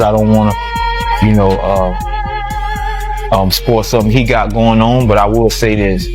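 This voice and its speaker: A man in casual interview talk, halting and repeating himself. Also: fairly low pitch. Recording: music under the voice.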